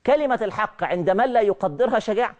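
A middle-aged man with an Egyptian Arabic accent giving a televised religious lecture, animated and repeating his key phrases. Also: high voice, fast talker, lo-fi sound.

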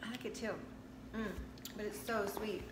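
A woman's voice: medium pitch, flat delivery, normal speed. A middle-aged woman, the vlogger's mother, chatting enthusiastically about candy while chewing, trailing off mid-sentence. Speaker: vlogger's mother, guest taster. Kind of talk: casual taste-test chat. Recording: echoey room with clear background noise.

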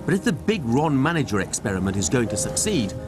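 Male narrator, scripted documentary, wry, measured, animated intonation, loud music underneath. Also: medium pitch.

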